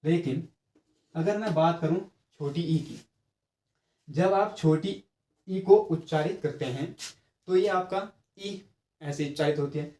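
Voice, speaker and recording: Guy teaching grammar for exams, mellow voice, drawls sounds out to show them, echoey room. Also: on the high side. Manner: explains step by step, often checks with "ठीक है"; stretches sounds to demonstrate them. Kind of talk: exam-prep grammar lesson.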